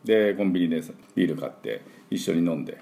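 A man teaching English pronunciation in a spoken lesson, demonstrating sounds and drilling words slowly for the listener to repeat. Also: low voice, lively intonation, vocal fry, warm tone.

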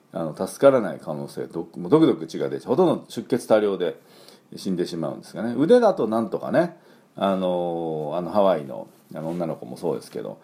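A man's voice: sits low, creaky, warm tone. A man teaching English pronunciation in a casual spoken lesson, chatty with lots of fillers and repeated sound demonstrations.

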